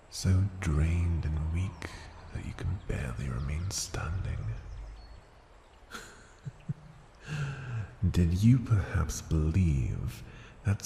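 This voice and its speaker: In an ASMR fantasy roleplay, a man voices a haughty ancient dragon in human form, deep, dark and heavily acted, gravelly and breathy. He's menacing and mocking, condescending and taunting, stretching phrases slowly and theatrically into seductive breathy murmurs. The audio carries the echo of a reverberant hall with ambient background noise.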